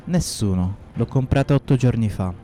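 A man's voice: mid-range voice, animated, normal speed, warm tone, soft background music, lightly acted. An actor playing a defiant young male anarchist giving curt, terse answers in a historical radio drama.

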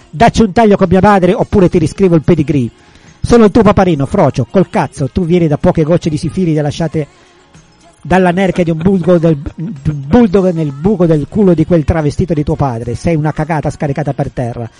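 A man voicing a foul-mouthed, taunting male prison inmate, reading crude insults aloud at a slightly slowed pace. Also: fairly high pitch, warm tone, slightly rough, dry recording, faint music behind.

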